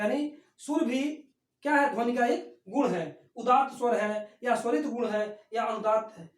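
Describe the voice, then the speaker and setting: A woman teaching an online class, explaining terms by asking questions and then answering them herself. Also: fairly high pitch. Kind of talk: online lecture on Hindi phonetics. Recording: echoey room.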